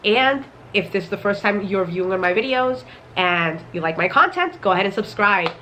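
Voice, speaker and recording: Female online tutorial host, medium pitch, mildly muffled from a head cold, casual explainer delivery. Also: expressive, a little fast, bright, forceful tone, slight background noise. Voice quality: slightly muffled, congested from a cold. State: recovering from a cold. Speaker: software engineering YouTuber. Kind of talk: instructional talk to camera.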